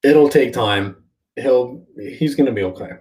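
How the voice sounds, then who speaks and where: A young Canadian man co-hosting a casual live stream, bantering in a lively, insistent way. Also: mid-range voice, a little slow, poor audio. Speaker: co-host.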